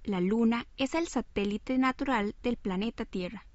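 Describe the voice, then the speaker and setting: A woman presenting a scripted radio lesson, speaking clearly and deliberately to demonstrate intonation. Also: a little high, dry recording. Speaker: radio teacher. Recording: dull lo-fi recording.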